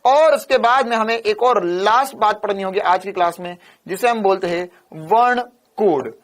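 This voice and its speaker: Playful, energetic male physics teacher. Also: high-pitched, normal speed. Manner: energetic, playful, teases and answers his own questions. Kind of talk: online exam-prep lecture.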